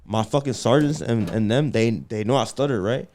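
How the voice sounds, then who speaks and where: A man's voice: medium pitch, normal speed, darkish tone. A man co-hosting a podcast in casual slangy chat, talking with a mild stutter and repeating himself a lot. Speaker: podcast co-host.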